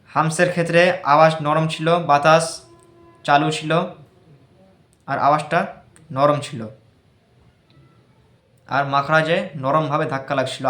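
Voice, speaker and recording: A man's voice: fairly high pitch, sharp tone. Bengali man teaching recitation, echoey room. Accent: Bangladeshi Bengali. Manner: explains slowly, repeats and drills single letter sounds. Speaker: tajweed teacher. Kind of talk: religious recitation lesson.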